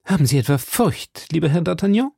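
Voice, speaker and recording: A man's voice: mid-range voice, animated, measured pace, mellow, slightly rough, no echo, clean studio sound. A man voicing a cold, scheming young noblewoman who speaks in a cutting, mocking tone.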